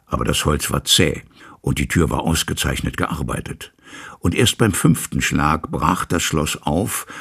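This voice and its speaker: A man narrates a classic novel with measured, dramatic storytelling. His voice sits very low, with a heavy gravelly fry and a strongly husky grain. His pitch moves in wide, lively swings through each sentence. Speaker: audiobook reader. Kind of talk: scripted literary narration.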